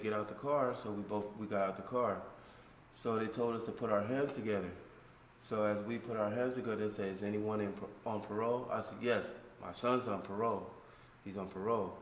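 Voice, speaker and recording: A middle-aged man with a low voice, telling a personal story in a plain, earnest way as an interview guest. He sounds distant from the mic, in an echoey room with faint noise behind him. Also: steady tone, a little fast.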